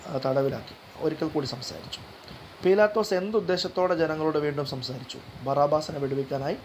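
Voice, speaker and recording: A man's voice: fairly high pitch, slight background noise, low-quality recording. A man reading quiz questions aloud, listing each answer option and then repeating the correct one, with the odd slip and restart. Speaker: quiz guide reader.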